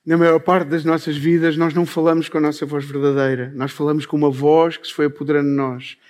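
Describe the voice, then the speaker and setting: A man with a Portuguese accent speaks from a stage in a slightly high voice. He talks thoughtfully and pauses often between phrases. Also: little pitch movement, a little mellow. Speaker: improv teacher giving a talk. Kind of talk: stage talk. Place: on a stage before an audience.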